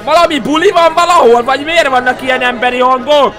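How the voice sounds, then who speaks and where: A man with a Hungarian accent giving horror game commentary, yelling in panic at the scares and muttering low between them. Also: steady tone, some chatter behind. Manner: screams and yells in panic at scares, then drops to low muttering. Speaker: gaming streamer.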